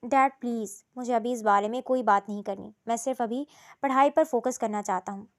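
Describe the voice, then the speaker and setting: A woman's voice: fairly high pitch, natural voice. A woman voicing a cheerful rich young man. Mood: friendly. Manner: friendly, mixes in English words.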